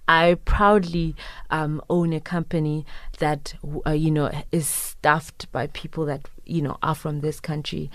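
Low-voiced woman from Zimbabwe, dry. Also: little pitch movement, a little slow, dry recording. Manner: earnest, reflective, with soft laughs. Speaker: singer-songwriter guest. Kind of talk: radio interview.

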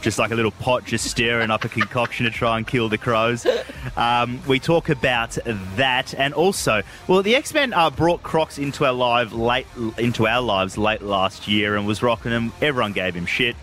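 Upbeat Australian radio host, bright voice. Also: male voice, mid-range voice, steady tone, normal speed, a little hiss or hum. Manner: upbeat, introduces the segments. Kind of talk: casual radio banter.

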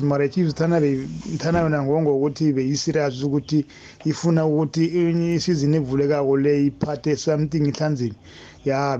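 A South African man talks casually as a radio caller. His voice is mellow and a little high-pitched. The audio is dull and lo-fi. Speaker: radio call-in listener. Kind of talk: casual sports opinion on a phone-in.

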